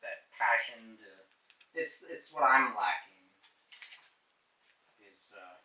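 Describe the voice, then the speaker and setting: A man co-hosting a casual chat beside his wife, speaking in a hesitant, halting way. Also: medium pitch, expressive, pushed and bright. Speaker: co-host, husband of the host. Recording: echoey room, distant mic.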